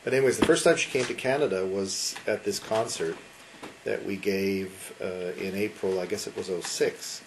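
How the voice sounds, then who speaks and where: Enthusiastic older man, low voice, rambling. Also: fairly even intonation, moderate pace. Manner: enthusiastic, rambling, with many restarts. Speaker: concert sponsor and guest speaker. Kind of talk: casual after-dinner talk. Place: wood-panelled dining room with a seated crowd. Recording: noisy room recording.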